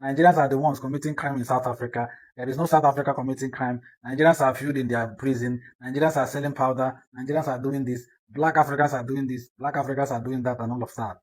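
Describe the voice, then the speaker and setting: A man's voice: mid-range voice, a little mellow, low-quality recording. A man delivering an insistent, repetitive opinion monologue. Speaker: commentator.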